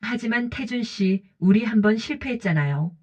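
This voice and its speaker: A woman's voice: a little high, lively intonation, moderate pace, a little mellow, slightly rough. A woman voicing a cautious, lonely woman in her late fifties who talks in short, plain sentences, on a dull lo-fi recording. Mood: firm. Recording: dull lo-fi audio.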